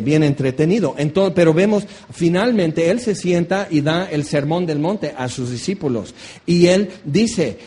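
A man preaching a lively sermon, telling stories and acting out voices along the way. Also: fairly high pitch, husky. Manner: animated, acts out voices in asides.

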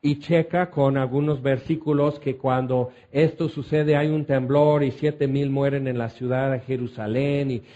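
A man's voice: mid-range voice, level tone, measured pace, few pauses, dark tone, lo-fi sound. A man preaching a Bible teaching sermon, reading scripture and adding conversational asides to his listeners.

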